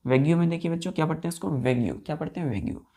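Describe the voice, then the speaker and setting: A woman teacher leads a vocabulary lesson, spelling each word letter by letter and counting the letters aloud. Her voice sits low and has a gravelly, creaky edge. She keeps asking her students questions as she goes. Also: very fast, dark tone. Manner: asks the class repeated questions.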